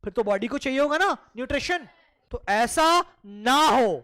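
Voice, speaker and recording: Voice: high voice, expressive, normal speed, fairly bright tone. A biology teacher giving a classroom lecture who keeps asking the class questions and answering them, repeats words for emphasis, and calls the students children. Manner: mixes Hindi and English freely.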